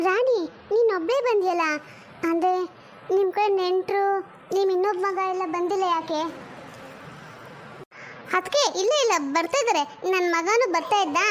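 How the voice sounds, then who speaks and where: A woman's voice: very high-pitched, a little hiss or hum. A woman playing a chatty middle-aged mother of the groom in a home-made family drama, fond and gushing.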